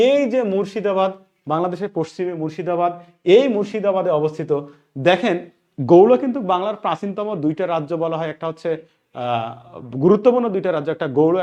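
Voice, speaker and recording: A man's voice: sits high, fast talker, warm tone. A man teaching a live online class, repeating key facts and asking students if they follow. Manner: repetitive, drills key facts with check-in questions; reads out viewer names and thanks them. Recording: dull lo-fi sound.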